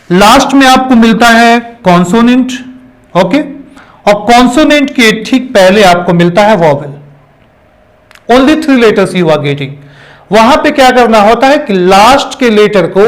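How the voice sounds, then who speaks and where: A man teaching English grammar in a classroom-style lesson, mixing Hindi and English, spelling words out letter by letter and often checking in with "okay". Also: sits high. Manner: repeats phrases and says "okay" often.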